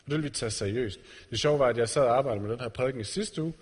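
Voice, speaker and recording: Addressing a congregation with earnest, direct questions, a preacher speaks in a medium-pitched, slightly rough voice. The recording carries the reverb of a church hall.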